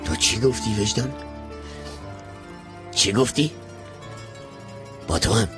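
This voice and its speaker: An actor playing a scheming, desperate uncle in debt who rambles and pushes others, in a dubbed TV drama. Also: male voice, fairly low pitch, animated, over music, close to an everyday voice. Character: scheming, desperate middle-aged man. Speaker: uncle in debt chasing an inheritance.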